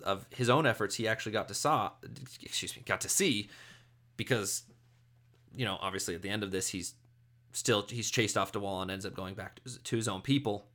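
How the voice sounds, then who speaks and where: A man's voice: lowish voice, fairly bright tone. A young man giving a casual, conversational scripture study talk, self-deprecating and full of asides.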